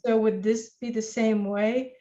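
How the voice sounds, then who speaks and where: A woman's voice: fairly high pitch, fairly even intonation, a little slow, dark tone. A woman student in an online language lesson, trying words out hesitantly and asking questions. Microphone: video call. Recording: muffled, echoey video call audio.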